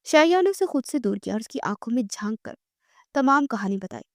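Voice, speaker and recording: Expressive woman narrating a romance novel. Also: on the high side, no echo, studio quality. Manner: expressive, storytelling. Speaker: audiobook narrator.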